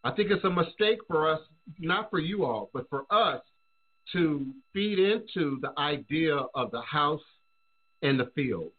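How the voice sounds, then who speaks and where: Higher-pitched American male host, halting delivery. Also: lively intonation. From United States. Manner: halting, repeats words as he reasons. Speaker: show host. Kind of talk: casual discussion. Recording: dull, lo-fi call audio.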